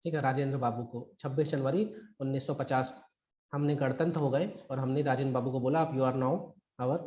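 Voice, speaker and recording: A male teacher leads a live online history exam-prep class over a video call, conversational yet emphatic, performing the quotes he cites. He speaks a little fast at a medium pitch with fairly even intonation and a dark tone, in a muffled recording from an echoey room.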